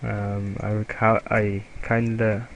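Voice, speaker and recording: A young man with a German accent, a German native speaker, giving a halting, self-correcting software tutorial over a screen recording. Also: lowish voice, monotone, gravelly, slight background noise, low-quality recording. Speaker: student presenter.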